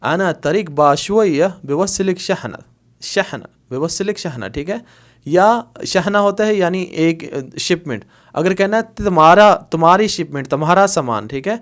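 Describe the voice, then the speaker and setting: A man with a Pakistani Urdu accent giving a casual spoken-language lesson. He repeats each phrase slowly and keeps checking that the listener is following. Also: sits high, animated. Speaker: Arabic language teacher.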